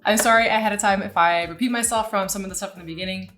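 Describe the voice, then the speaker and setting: This thirty-something woman talks rapid-fire at a medium pitch, her tone a bit bright, with soft music playing behind her. She's a pilot and video host running an informal tutorial from a small home room, musing aloud while working, close to a boom-arm microphone and wearing a headset.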